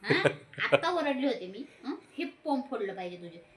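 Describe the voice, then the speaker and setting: A woman's voice: on the high side, big pitch swings, normal speed, slight background noise. An older woman grumbles at the family cat. Her complaints are scolding and often muttered half under her breath. It sounds like a casual home video.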